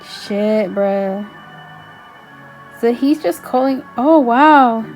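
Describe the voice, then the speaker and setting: A woman reacting to a show in casual commentary, excitable and full of slang and swearing. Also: a little high, drawn-out words, soft background music. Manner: excitable, exclaiming, slangy and profane. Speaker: reaction video host.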